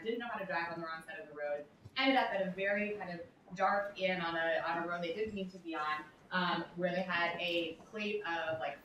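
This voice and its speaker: A young woman with a lowish, slightly bright voice gives an upbeat motivational workshop talk, frequently saying "um" and "like." She's far from the mic in a large, echoey event room, with slight background noise.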